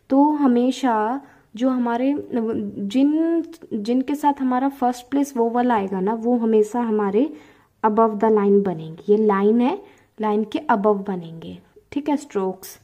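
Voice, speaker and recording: A woman's voice: a little high, dark tone. A woman teaching a shorthand lesson, drilling vowel sounds aloud and checking in with her students with frequent short questions. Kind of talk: classroom-style lesson.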